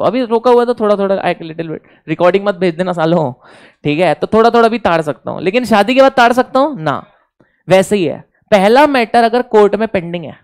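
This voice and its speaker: Lively Indian male teacher, smooth voice. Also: high-pitched. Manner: lively, repeats key points and quizzes students; jokes with the class. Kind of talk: exam revision lecture.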